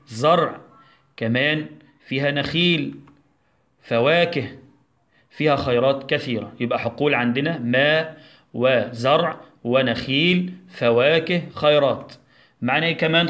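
A man with an Egyptian Arabic accent teaches a recorded lesson for small children in a medium-pitched voice. He poses questions and answers them himself. He stretches out each syllable slowly as he drills the sounds. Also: fairly bright tone. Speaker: primary school teacher.

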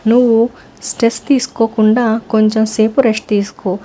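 A woman voicing a calm, caring male doctor asking gentle questions. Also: on the high side, normal speed, lightly acted.

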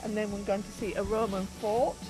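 A woman's voice: medium pitch, level tone, fairly quick, music in the background, low-quality recording. A woman outdoors on a village street, casually listing the day's hiking plan step by step. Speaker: hiking companion explaining the route. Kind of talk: casual chat.

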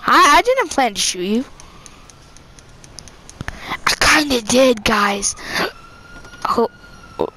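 A woman giving casual, excitable gameplay commentary, giggling often, talking to her viewers and yelling at other players. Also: a little high, takes it slowly, long pauses, a little hiss or hum. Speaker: gameplay streamer.

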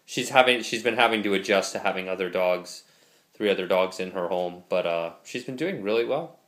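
A low-pitched, fairly quick male voice with a fairly bright tone belongs to a young dog trainer vlogger. Filming casually on a handheld camera with its onboard mic, he coaches a frisbee throw and talks to his dogs across gym, park and home settings.

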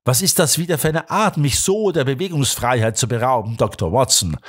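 A man voicing an excitable, blustering male police inspector who grumbles and flares up quickly. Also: mid-range voice, close to an everyday voice. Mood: furious. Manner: gruff, quick to anger.

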